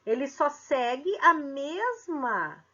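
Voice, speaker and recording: Speaking slowly and explaining carefully, a woman teaches middle school grammar and asks her class questions. Her voice sits high, is very animated, and has a fairly bright tone, though the recording sounds dull and lo-fi.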